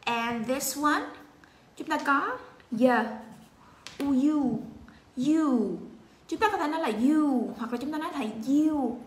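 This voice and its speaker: A woman with a Vietnamese accent teaching English pronunciation on a livestream, repeating each letter slowly for her learners. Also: sits high, animated, echoey room. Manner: slow drilled letter-by-letter repetition.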